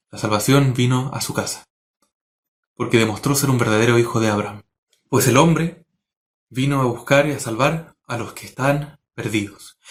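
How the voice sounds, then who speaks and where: A man gives a Sunday school sermon at an ordinary middle pitch. He speaks earnestly and measuredly, stretching key phrases with slow, emphatic pauses. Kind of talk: sermon and closing prayer.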